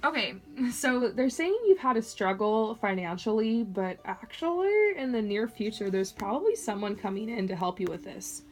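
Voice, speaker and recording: A chatty clairvoyant gives a casual one-on-one tarot-style reading in an animated, mid-range voice at a moderate pace with few pauses. She's slightly raspy, as if short of water, and fills her speech with "like" and "um."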